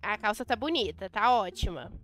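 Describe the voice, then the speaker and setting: A woman with a Brazilian Portuguese accent doing casual, excitable gameplay commentary, gushing and reading her own chat messages aloud. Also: medium pitch, normal speed, faint music behind. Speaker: Roblox gameplay vlogger.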